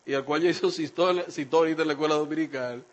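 Preaching a sermon at a racing pace, a man with a fairly high voice addresses the congregation directly. He is animated, acting out the people he quotes by shifting his voice for each.

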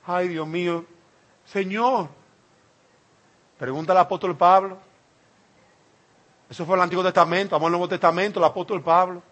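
A man preaching a sermon, emphatic, swinging between loud cries and hushed asides. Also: sits high, fairly even intonation, fast talker, long pauses.

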